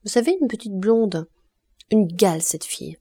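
A woman's voice: mid-range voice, lively intonation, moderate pace, warm tone, slightly rough. A woman reading aloud and voicing a sly, smiling gossip who tells a street fight with relish. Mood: gossipy.

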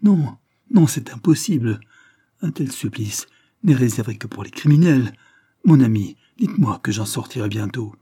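A man's voice: mid-range voice, animated, moderate pace, warm tone, breathy edge, dry recording, studio quality. A man reading aloud, voicing a frightened young woman prisoner in a trembling, pleading way. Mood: desperate.

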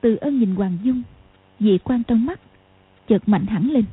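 A woman narrating a martial arts novel as an audiobook in a steady, dramatic reading. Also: a little high, a little slow, breathy edge. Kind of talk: storytelling narration. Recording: tinny lo-fi audio.

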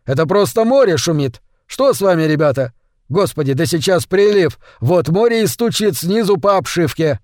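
A man voicing a practical, gruff male island constable who talks in a blunt, matter-of-fact way. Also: a little high, expressive, measured pace, mellow, no room sound, studio quality. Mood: shouting reassurance.

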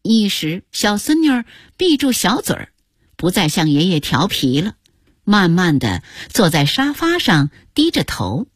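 An older woman tells a family memory on the radio, slow and unhurried, her pitch rising and falling very freely. Her voice is a little husky and sits close and dry. She acts out each scene as she goes. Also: no echo. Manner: expressive, acts out the story. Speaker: narrator. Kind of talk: memoir storytelling on radio.

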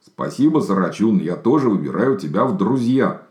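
A man voicing a gentle, earnest bear cub in a storybook, in an echoey room. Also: lowish voice, lively intonation, normal speed, close to an everyday voice.

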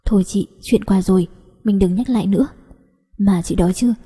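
A woman's voice: medium pitch, brisk, dark tone, husky, long reverb tail, natural voice. A woman voicing a protective young cousin who coaxes and scolds tenderly in a story reading. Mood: coaxing.

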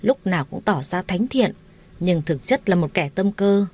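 Brief: woman narrator doing a low, scornful young husband, curt and dismissive, story reading. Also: expressive, normal speed, a little mellow.

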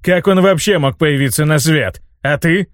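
A man's voice: a little high, moderate pace, dry recording, studio quality, pitched above the performer's own voice, lightly acted. A man voicing a scheming, boastful old male mage who gloats and cackles, in an audiobook reading. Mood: indignant. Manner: gloating, theatrical, breaks into laughter.

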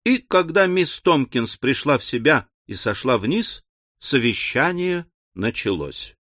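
A man narrating an audiobook of a classic comic novel in an expressive storytelling manner. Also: medium pitch, measured pace, dry recording, studio quality. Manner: expressive, lifting his voice for quoted shrieks. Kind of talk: scripted literary narration.

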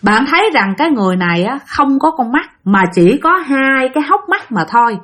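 A woman's voice: high-pitched, big pitch swings, fairly quick, a bit bright. A woman narrating a ghost story dramatically, speaking straight to her listeners. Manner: dramatic, addresses listeners directly.

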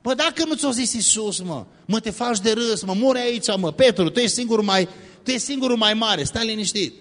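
A man acting out a panicky disciple who scolds a friend not to step out of the boat. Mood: alarmed pleading. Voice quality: high, excited scolding. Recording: echoey hall.

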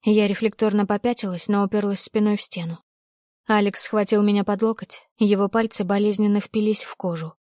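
A woman reading a first-person story aloud as an audiobook narrator, in a steady, measured storytelling manner. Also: mid-range voice, dry recording, studio quality.

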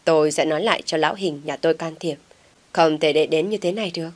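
Woman doing a snappy vain village wife, low voice, nagging. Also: quick pace, natural voice. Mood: indignant. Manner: scolding, snappish. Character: sharp-tongued middle-aged village wife, vain.

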